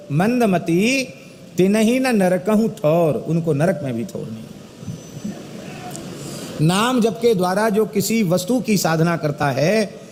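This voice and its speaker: A middle-aged man delivers a religious discourse in a somewhat high voice. He chants verses slowly and then explains them with animated emphasis. The sound carries a long hall echo over a faint background noise. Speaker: spiritual teacher giving a discourse.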